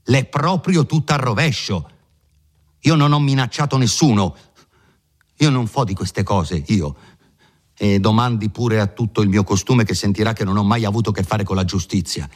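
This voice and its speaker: A man's voice: on the low side, normal speed, voice pushed up, natural voice. A man voicing an earnest young peasant. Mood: pleading. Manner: pleading, insistent. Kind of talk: audiobook reading.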